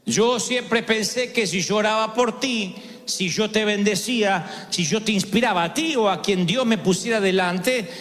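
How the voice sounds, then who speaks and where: A man's voice: sits high, unhurried, a bit bright, big-room sound. A middle-aged man with an Argentine Spanish accent preaching a sermon, dramatic storytelling that acts out voices. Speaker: pastor.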